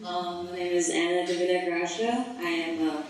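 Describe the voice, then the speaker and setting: A young woman from the Philippines talks about her art in a loose, chatty way, with plenty of "um"s and "like"s. Her voice sits low and calm. She is picked up from a distance in a very echoey gallery room. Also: normal speed, noisy background. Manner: relaxed, chatty, many fillers like "um" and "like". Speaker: artist. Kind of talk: casual artist talk. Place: gallery event space. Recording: echoey room, heard from far off.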